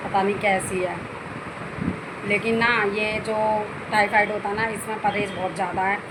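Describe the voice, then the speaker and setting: A woman's voice: medium pitch, level tone, normal speed. A middle-aged woman and mother chatting casually to viewers from her home kitchen, repeating herself and calling them guys. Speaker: vlogger, mother. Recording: noisy home phone recording.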